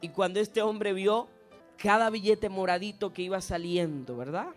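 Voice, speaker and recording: A man preaching a sermon, telling stories dramatically and building to loud, impassioned preaching. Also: high-pitched, normal speed, soft background music. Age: adult, past university. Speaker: pastor.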